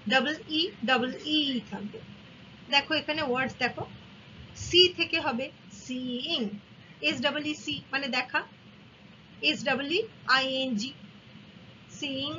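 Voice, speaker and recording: A woman's voice: high-pitched, bright, forceful tone. A woman teaching English grammar, patiently explaining spelling rules and spelling words out letter by letter, with a slightly dull, faintly hissy recording. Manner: patient, repeats and spells out each example.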